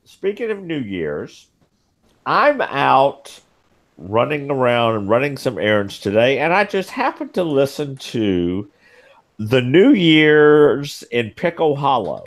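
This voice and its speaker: A man's voice: mid-range voice, big pitch swings, slow. A man co-hosting a podcast, telling rambling stories in casual banter with lots of fillers. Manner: rambling storyteller, frequent fillers. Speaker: podcast co-host.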